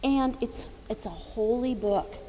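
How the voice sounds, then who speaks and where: A woman giving a children's sermon in a sweet, patient Sunday school manner, using simple words and gently coaxing. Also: a little high, slow pace. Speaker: children's message leader at church. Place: large echoing church indoors. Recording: reverberant church hall with background noise.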